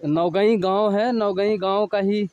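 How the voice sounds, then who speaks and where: This travel vlogger, a man in his thirties, talks in a high-pitched, steady, unhurried voice that's a little mellow. Holding his phone at arm's length, he chats with viewers while walking through a village and forest trail, and the audio has a lo-fi quality.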